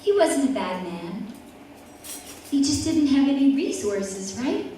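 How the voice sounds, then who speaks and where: A woman in her forties telling a personal story at an event, with vivid, dramatic pauses. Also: high voice, big pitch swings, warm tone, slight background noise. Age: 40s. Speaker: event speaker. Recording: echoey hall from far off, faint ambience.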